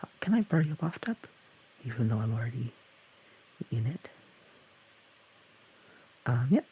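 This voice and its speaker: In an audio roleplay aimed at the listener, a man voices a shy, awkward, friendly slime creature, stammering hesitantly with an awkward, earnest mood. His medium-pitched voice is very animated and measured in pace, though the recording is muffled and carries hissy background noise.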